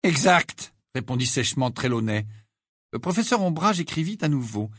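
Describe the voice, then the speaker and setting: A man's voice: medium pitch, big pitch swings, a little fast, fairly bright tone, no room sound, studio quality. A man reading a novel aloud expressively, with an occasional filler. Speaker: reader.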